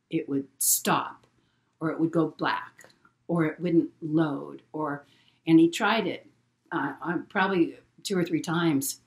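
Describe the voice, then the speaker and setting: A middle-aged woman telling a personal story in a halting way, repeating words and using many fillers. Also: deep voice. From Hawaii. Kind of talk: casual spoken storytelling.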